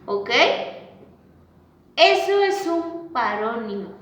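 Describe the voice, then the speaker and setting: A woman teacher giving a class, talking slowly and deliberately, drawing out example words and asking "ok?" again and again to check that students follow. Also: on the high side, big pitch swings, roomy sound, slight background noise. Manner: slow and deliberate, checks understanding with a frequent questioning "¿ok?". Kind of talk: online class lecture.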